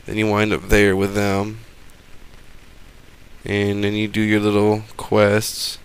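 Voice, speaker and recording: A man's voice: lowish voice, monotone, slow, smooth. A man giving casual game commentary as a voice-over, rambling, profane and sarcastic.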